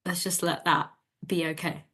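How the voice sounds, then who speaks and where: A woman leads an emotional tapping session in a gentle, steady way. Her voice sits a little low, and she gives short phrases one by one for her partner to echo back. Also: moderate pace, husky. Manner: calm, gentle instructions, giving phrases to repeat. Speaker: EFT tapping practitioner.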